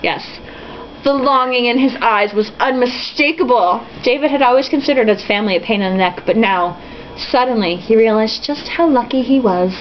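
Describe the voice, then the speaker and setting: A woman whose voice is a little high reads a novel aloud at normal speed, playing a tipsy drinking-game host. She keeps it casual and comic, adding sarcastic, foul-mouthed jabs. The lo-fi audio is dull and faintly hissy.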